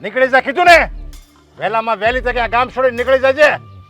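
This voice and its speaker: A man's voice: sits high, moderate pace, fairly bright tone, lo-fi sound, soft background music. An actor playing a proud, domineering village headman who talks in a stern, commanding way. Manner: stern, commanding, pronounces sentences. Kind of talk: village family stage drama.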